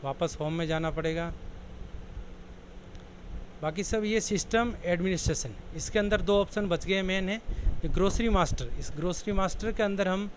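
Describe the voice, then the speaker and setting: A man with a slightly high voice walks through a computer program option by option, in a plain, explanatory way. A faint hum of background noise sits under his voice. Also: normal speed, low-quality recording. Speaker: software tutorial presenter. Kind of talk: step-by-step screen walkthrough.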